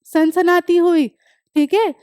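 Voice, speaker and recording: Her voice is very high, mellow and steady in tone, captured cleanly in a studio without echo. The young woman gives a classroom-style English lesson on a textbook chapter, slowly reading lines aloud before explaining them in Hindi and repeating words so their pronunciation sticks.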